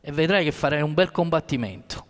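A man's voice: fairly high pitch, fairly quick, fairly bright tone, close to an everyday voice. A man voicing a brusque middle-aged male boxing coach who gives curt, barking instructions, heard in an echoing hall. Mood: reassuring. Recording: long reverb of a hall.

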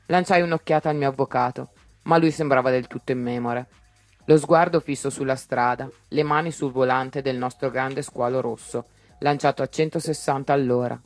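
A man narrating an audiobook in a lively way, giving each character's lines their own voice. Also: medium pitch, normal speed, no echo, faint music behind.

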